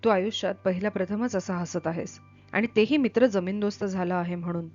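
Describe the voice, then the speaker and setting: A woman voicing a brooding, inwardly torn male schoolteacher in a read-aloud story, speaking low and questioning himself. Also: brisk, a little mellow, close to an everyday voice. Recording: dull lo-fi with faint music.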